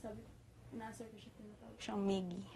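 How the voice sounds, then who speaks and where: A young woman vlogger in casual gossip chat, teasing and excitable, with sudden loud bursts. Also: medium pitch, fast, gravelly.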